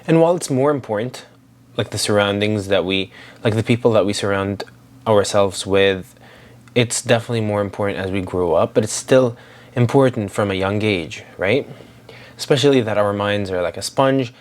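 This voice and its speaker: A Syrian-born man in his twenties talks reflectively in a personal daily vlog, rambling with lots of fillers and restarts. His voice is on the low side, and he speaks at a normal speed.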